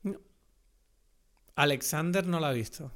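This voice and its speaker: A man's voice: on the high side, a little slow, a bit bright. A man with a Venezuelan accent, co-hosting a podcast and chatting about films in long, rambling turns. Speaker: podcast co-host. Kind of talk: casual film chat.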